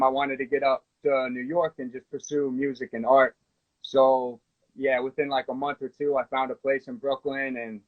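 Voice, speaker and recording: A man in his late thirties from the United States, a musician talking through his life story in a relaxed, rambling way, on a phone during a live video call. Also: medium pitch, no echo. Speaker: guest musician. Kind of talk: casual interview chat. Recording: tinny phone-line audio, dry.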